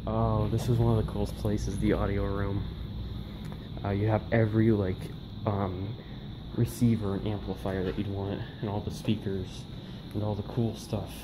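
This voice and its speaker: A man's voice: on the low side, little pitch movement, moderate pace. A man talking casually as he walks through a big, empty store, rambling and easily amazed, with lots of fillers. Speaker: vlogger. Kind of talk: casual walkthrough narration. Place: large empty store, indoors. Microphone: handheld phone. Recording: phone recording with loud background noise.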